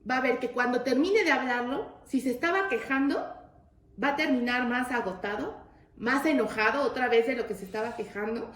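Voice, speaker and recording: A woman's voice: a little high, a little fast, fairly bright tone, echoey room. A woman giving a conversational religious lesson, addressing her listeners as brothers and asking frequent rhetorical questions. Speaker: teacher of a religious study group.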